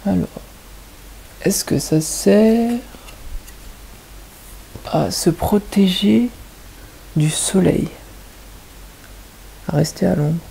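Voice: medium pitch, extremely slow, gravelly, pauses often, warm tone, slight background noise, poor audio. A kindergarten teacher with a French accent, patiently explaining a lesson to young children and asking them questions step by step.

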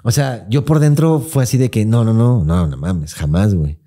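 A podcast co-host with a Mexican Spanish accent speaks at a fairly low pitch and moderate pace. His personal story comes out in casual conversation packed with cursing and slang. He animates it by performing what others said.

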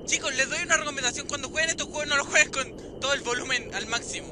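A man commentating a horror game, easily scared, shouting and swearing at every fright. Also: extremely high pitch, fast. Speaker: gamer, video host. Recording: loud background noise.

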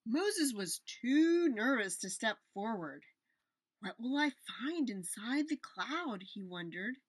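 A woman's voice: on the high side, very animated, slow, no room sound. A woman in her forties telling a Bible story to children on a webcam from a small room at home, gesturing as she talks. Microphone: webcam at desk distance.

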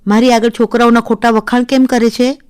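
A woman voicing the ghost of an older husband, deep and grinding in tone, slow, teasing and scolding. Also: flat delivery, a little mellow, clear, resonant tone. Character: older husband's ghost speaking from a photo, gruff.

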